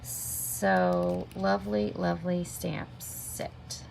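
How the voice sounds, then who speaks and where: During a live stamping craft tutorial, a middle-aged woman guides viewers step by step, her low voice very gravelly and slightly stuffy as she sniffles through a minor cold. She draws out her words, chats casually, and greets viewers by name. The low-quality recording, made on a camera mic at her desk, has steady, noticeable background noise.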